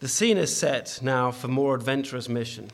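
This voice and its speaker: In a church, a man with a mid-range voice and vocal fry preaches a sermon at a moderate pace. He's earnest and emphatic, frequently restarting phrases as he exhorts the congregation.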